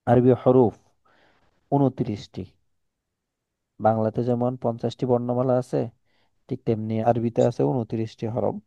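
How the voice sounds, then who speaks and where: A man's voice: medium pitch, mellow, dry recording, dull audio. A man with a Chittagong Bengali accent teaching Quran letters one on one, explaining patiently with repetition and examples.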